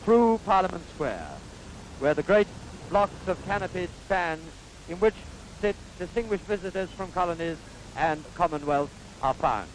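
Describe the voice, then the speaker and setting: On a vintage soundtrack with slight hiss or hum and poor audio, a high-pitched man gives stately 1950s newsreel commentary. He speaks in measured, formal phrases with a Received Pronunciation British accent.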